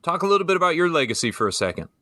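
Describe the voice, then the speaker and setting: A man's voice: on the high side, sing-song, very fast, sharp tone, dry recording, clean studio sound. A man hosting a podcast interview, talking casually and upbeat and calling his guest brother. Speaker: podcast host.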